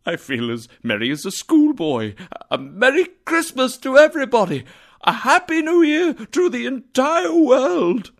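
A man voicing an old male miser who cries out in an excitable, exclamatory way. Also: fairly high pitch, unhurried, vocal fry, exaggerated voice. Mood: giddy.

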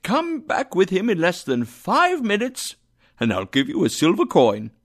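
A man voicing an old male miser who cries out in an excitable, exclamatory way. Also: on the high side, measured pace, creaky, heavily acted. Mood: giddy.

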